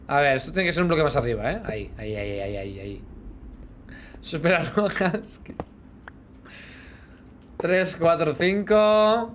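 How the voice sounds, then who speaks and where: On a live game stream, this thirtysomething man from Spain, speaking with a Spanish accent, banters with his viewers and hums sound effects while playing. His pitch is fairly high and his tone fairly bright. He talks into a headset in a small room, with slight background noise.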